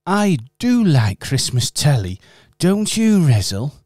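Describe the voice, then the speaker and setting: A man's voice: a little high, sing-song, slow, darkish tone, full character voice. A man voicing Kong Bear, a kind and caring male talking bear, in a radio pantomime. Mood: gentle.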